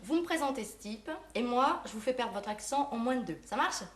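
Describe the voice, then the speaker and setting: Woman doing a bubbly impulsive young gal, high voice, noisy tv audio. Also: brisk, echoey room, close to an everyday voice. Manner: bubbly, excitable. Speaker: doctor's receptionist.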